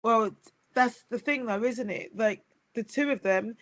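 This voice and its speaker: A woman's voice: fairly high pitch, measured pace, a little hiss or hum. A woman leading a nursery staff safeguarding training session over a video call. She reads policy text aloud and breaks off for chatty asides.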